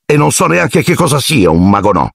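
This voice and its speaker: A man's voice: mid-range voice, very animated, normal speed, vocal fry, no echo, clean studio sound, voice pushed up. A man voicing Harry, a nervous young schoolboy wizard defending himself against accusations. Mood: anxious defensive. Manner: defensive, anxious. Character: nervous twelve-year-old schoolboy wizard.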